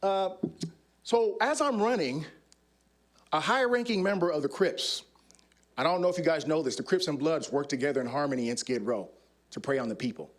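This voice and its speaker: A man's voice: on the high side, normal speed, pauses often. A middle-aged man, a former undercover officer, telling stories on stage in a demonstrative, act-it-out way. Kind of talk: animated storytelling talk on stage. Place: stage before an audience.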